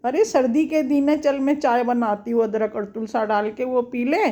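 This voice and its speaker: A woman voicing a caring older mother who scolds her daughter fondly, in a brisk, reassuring, lecturing manner. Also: fairly high pitch, steady tone, warm tone, close to an everyday voice. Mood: dismissive. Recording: dull lo-fi recording.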